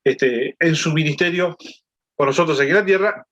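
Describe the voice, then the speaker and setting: A man's voice: fairly high pitch, normal speed, a bit bright, lo-fi sound, slight background noise. A man leading a Bible lesson over a video call, explaining and often checking in with his listeners. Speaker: Bible study teacher.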